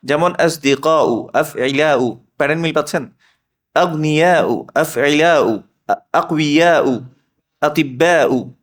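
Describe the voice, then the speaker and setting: Male teacher, middle-aged; unhurried, quizzes students. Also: a little high. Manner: patient, drilling, asks students questions. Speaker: Arabic teacher. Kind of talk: classroom language lesson.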